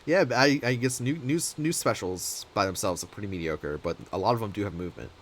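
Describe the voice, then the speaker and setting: Deep-voiced man casting a card game. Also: a little fast, a bit bright, a little hiss or hum. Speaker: caster, host. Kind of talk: casual game commentary.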